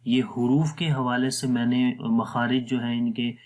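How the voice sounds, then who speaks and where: Unhurried male Quran tutor with a Pakistani Urdu accent, mid-pitched, patient and methodical, stretching words to show the rules. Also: level tone, darkish tone. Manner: patient, repeats words slowly to demonstrate. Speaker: Quran recitation teacher. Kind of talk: slow explanatory lesson.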